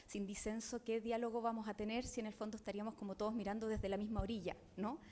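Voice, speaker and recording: Woman, Chilean accent, academic panel, digressive, tag questions, mid pitch. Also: flat delivery, fast talker, darkish tone, a little hiss or hum. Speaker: panel discussant.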